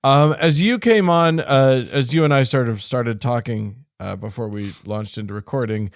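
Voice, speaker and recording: A man co-hosting a podcast in casual conversation, halting with frequent restarts and fillers, his phrases fading quietly at the ends. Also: mid-range voice, no room sound, studio quality. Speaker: podcast co-host.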